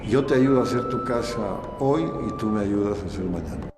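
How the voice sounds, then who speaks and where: A man explaining things in a measured way in an interview. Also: on the low side, lively intonation, over loud music. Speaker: interviewed expert. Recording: roomy echo with ambient noise.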